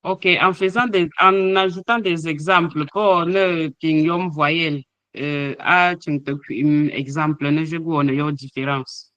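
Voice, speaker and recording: Slow, hesitant man teaching sounds. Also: a little high, fairly even intonation, sharp tone, clean tone, dry recording, lo-fi sound. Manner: hesitant, many fillers, sounds out letters and example words. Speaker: language teacher. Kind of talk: online alphabet lesson. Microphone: online call microphone.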